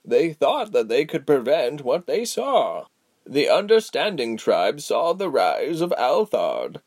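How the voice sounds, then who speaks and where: A man playing a slow old wise healer woman. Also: on the high side, pitched above the performer's own voice, exaggerated voice. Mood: stern. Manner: slow, calm, measured, stern. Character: old, tired, wise female healer with a walking stick. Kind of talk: audiobook character voice.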